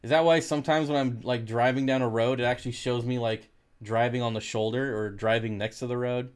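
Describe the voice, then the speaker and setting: A man's voice: medium pitch, steady tone, brisk, clear, resonant tone. An American man hosting a casual livestream, talking in a laid-back, jokey way as he reads and answers comments. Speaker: livestream host reading and answering viewer comments.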